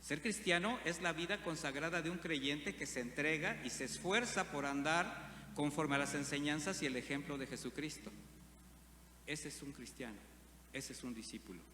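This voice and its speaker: A man's voice: a little high, moderate pace, bright, forceful tone. A man preaching a sermon, often asking the congregation questions. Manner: asks the congregation frequent rhetorical questions. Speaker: pastor. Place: church hall. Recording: reverberant church hall with faint hum.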